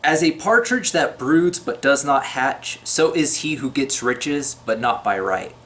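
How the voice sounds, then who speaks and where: A man talks casually to camera about faith, unscripted and chatty, with many fillers and restarts. His mid-range voice is animated, slightly shaky and fairly bright, at a measured pace, with slight background noise.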